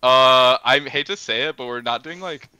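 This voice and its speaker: A man's voice: mid-range voice, normal speed, sharp tone, smooth, no echo, poor audio. A man joining a voice chat as a guest, casually chatting and planning moves while he plays. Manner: laughing, thinking aloud about strategy.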